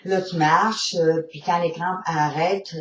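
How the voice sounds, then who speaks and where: This Québécois-accented woman from Quebec delivers a hesitant spoken testimonial with many fillers, recorded at a distance in a roomy space. Her lowish voice is steady, measured in pace and fairly bright in tone.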